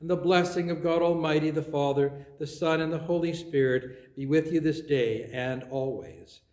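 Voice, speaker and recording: A man leading a worship service as priest, reciting prayers in a measured, solemn way, with his voice ringing in an echoing church. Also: fairly high pitch, darkish tone. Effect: echoing church reverb. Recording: roomy echoing church sound.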